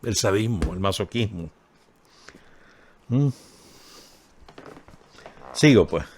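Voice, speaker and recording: A man with a low, darkish voice speaks slowly but animatedly, with a slight hiss or hum underneath. In a radio studio he reads a column and talks it over in his Nicaraguan Spanish accent, addressing listeners, asking for their agreement and making ironic remarks.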